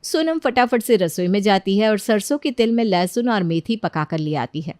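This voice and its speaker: A woman narrating a cartoon story in calm, scripted storytelling. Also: mid-range voice, moderate pace, no echo, clean studio sound.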